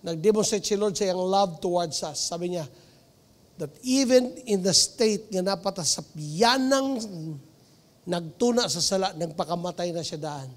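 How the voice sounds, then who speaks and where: A man with a Filipino Cebuano accent, preaching a sermon as pastor, lively and mixing in English phrases. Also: high-pitched, unhurried, big-room sound. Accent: Filipino, Cebuano-speaking region.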